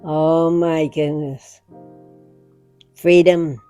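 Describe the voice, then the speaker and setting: Very old American woman, slow and low. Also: flat delivery, mellow, clear, resonant tone, soft background music. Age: very old, about 100. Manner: halting, short phrases with pauses. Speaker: interviewee recalling wartime memories. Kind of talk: unscripted reminiscence.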